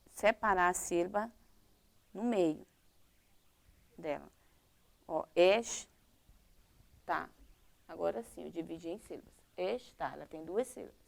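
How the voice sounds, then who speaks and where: A woman's voice: fairly low pitch, creaky. A woman teacher with a Brazilian Portuguese accent, explaining a primary-school lesson step by step and checking in with "tá?" and "ok?".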